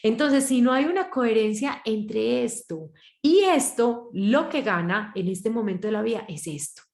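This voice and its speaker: Lively woman in an echoey room. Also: a little high, normal speed. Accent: Colombian Spanish. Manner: lively, acts out quoted voices. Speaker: parenting workshop speaker. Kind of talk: talk to parents.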